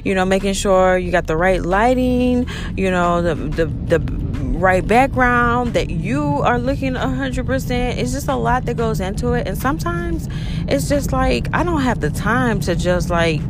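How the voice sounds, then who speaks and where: A woman's voice: on the low side, noisy background. A woman in her late twenties from Baton Rouge, hosting her own podcast in a loose, rambling chat full of "you know" and "um". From Louisiana, Baton Rouge. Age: 20s. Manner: chatty, rambling, many fillers like "you know" and "um". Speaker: podcast host. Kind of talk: casual solo podcast chat.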